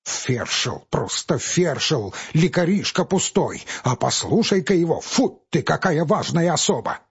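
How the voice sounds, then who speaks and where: A man voicing a fat, spiteful older male estate clerk who sneers and threatens, on a husky, lo-fi audiobook recording. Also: a little high, lively intonation, unhurried, voice pushed up, heavily acted. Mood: sneering.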